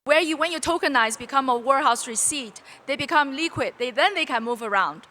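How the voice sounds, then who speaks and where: Woman, conference panelist, earnest explanations, bright crisp tone. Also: high-pitched, expressive, brisk, a little hiss or hum. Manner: earnest, explains step by step with restarts. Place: conference stage.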